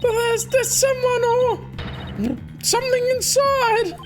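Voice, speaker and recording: A woman voicing an excitable, easily startled young woman in a video game, full of surprised exclamations. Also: very high voice, slow pace, music in the background, pitched above the performer's own voice. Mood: alarmed. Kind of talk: video game character read aloud.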